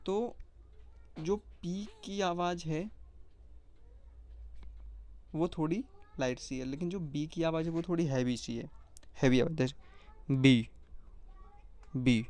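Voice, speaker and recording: A teacher explaining a lesson step by step, speaking directly to the viewer and slowly repeating letter sounds one at a time. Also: mid-range voice, a little mellow, no room sound. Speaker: shorthand teacher.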